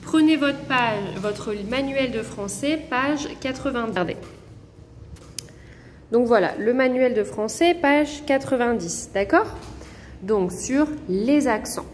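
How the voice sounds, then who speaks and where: Patient woman teacher, slow delivery for children, reverberant classroom sound. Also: fairly high pitch, lively intonation, a little hiss or hum. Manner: slow, patient, explaining with frequent checks. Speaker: primary school teacher. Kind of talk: recorded lesson for children. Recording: echoey room reverb.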